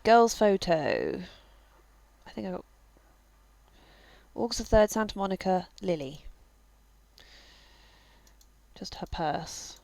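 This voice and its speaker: A woman rambles casually while streaming a game, her let's-play chatter packed with fillers and side comments. Her mid-range voice is creaky and somewhat dark in tone. The audio is poor and has no room sound.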